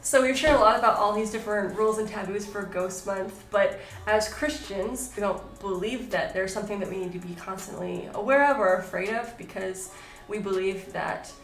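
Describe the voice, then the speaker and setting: A woman's voice: mid-range voice, moderate pace, recorded from a distance, faint music behind. Earnest woman in an echoey room. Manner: earnest, filler-heavy with "like". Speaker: missionary co-host. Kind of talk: casual explanatory chat. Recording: echoey room, voice a bit off-mic.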